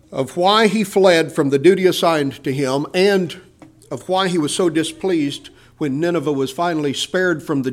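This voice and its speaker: High-voiced preacher giving a lively sermon. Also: male voice. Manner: expressive, rising with emphasis and falling back to quiet asides.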